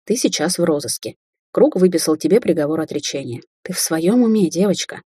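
Woman voicing a sulky low-voiced mother witch, husky, storybook read. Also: expressive, brisk, dark tone. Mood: grumbling. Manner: grumbling, defensive. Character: middle-aged woman sorceress, grumbling mother. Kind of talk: audiobook character voicing.

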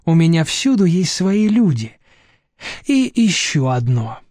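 A man voicing a stern, shrewd middle-aged woman who speaks slowly and cuttingly. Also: a little high, sing-song, a little mellow, dry recording, clean studio sound, exaggerated voice. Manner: slow, cutting, steely.

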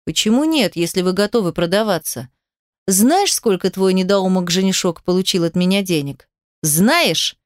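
In an audiobook, a woman voices a cold, domineering rich young man, dropping her voice into a taunting, mocking drawl. The acting is light and the pace normal. The studio sound is clean, with no echo.

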